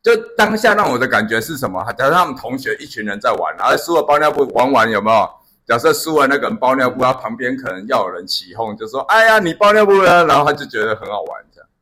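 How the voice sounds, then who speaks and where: A man tells family stories in a casual chat. His voice is bright and slightly breathy. He rambles through fillers and restarts. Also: mid-range voice, animated, fast. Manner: storytelling, many fillers and restarts. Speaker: podcast co-host.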